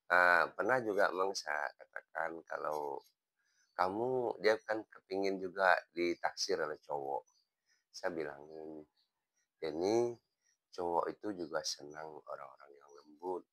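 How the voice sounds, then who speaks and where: Deep-voiced man telling a motivational story. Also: a bit bright. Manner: unhurried conversational telling, with frequent pauses and fillers. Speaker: hypnotherapist and life coach.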